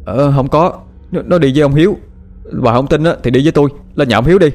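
A man's voice: on the high side, quick pace, darkish tone, voice pushed up, close to an everyday voice. A man voicing a scared young village drifter who talks nervously and stammers in his own defense. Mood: defensive.

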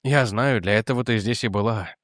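A man reading an audiobook, voicing a weary, gentle detective who speaks quietly and measuredly. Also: fairly low pitch, brisk, no echo, studio quality, lightly acted.

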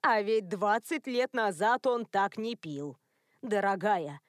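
A woman voicing a prim, controlling elderly woman who is a werewolf grandmother, lecturing in a cold, even tone. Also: medium pitch, slow pace, dry recording, clean studio sound. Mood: stern.

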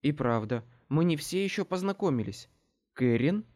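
A man's voice: fairly high pitch, animated, normal speed. A man reading an audiobook, voicing a prim older mother who scolds her grown daughters in a genteel way. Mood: reproachful. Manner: genteel, gently reproachful.

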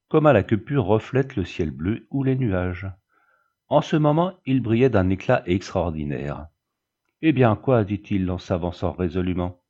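Man narrating a storybook, measured, low pitch, dark tone, dull lo-fi recording. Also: husky. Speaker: audiobook reader.

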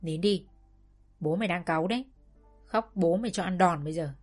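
A woman voicing a stern old grandmother who scolds and gives hushed warnings in a storybook reading. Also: lowish voice, a little fast, faint music behind, natural voice. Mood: scolding.

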